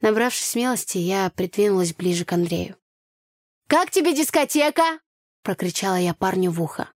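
A woman narrating a story in the first person, lively and expressive. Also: lowish voice, a little fast, no echo, studio quality. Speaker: audiobook narrator.

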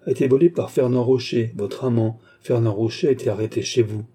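A man voicing a small, cold false doctor who threatens curtly in a dark, husky voice. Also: medium pitch, fairly quick, lightly acted. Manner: cold, curt, menacing.

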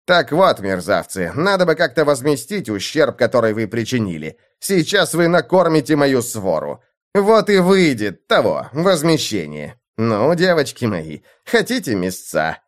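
A brash young lord bellows at his underlings, cruel and gleeful by turns, as a man reads him in an audiobook. His pitch leaps wildly, rising high when he rages. It is a bullying, theatrical tone. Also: very animated, a little slow. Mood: gleeful, menacing. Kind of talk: audiobook character voice.

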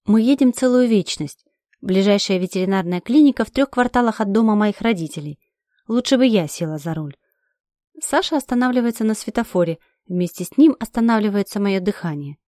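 A woman's voice: mid-range voice, expressive, a little fast, mellow, no room sound. Woman reading an emotional story, dry sound. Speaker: narrator. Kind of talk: first-person audiobook reading.

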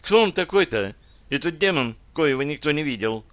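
A man's voice: medium pitch, moderate pace, sharp tone, pitched above the performer's own voice, natural voice. A man voicing a young warrior woman who is demanding, irritable and anxious in an audiobook. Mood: insistent. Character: young woman, a tense, pushy warrior amazon.

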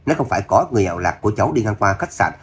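A fierce, loyal young woman who snaps back in anger, as a man reads her in his own voice. The voice is low and husky, and the lines come quickly. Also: sing-song, full character voice. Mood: explaining. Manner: angry, panting.

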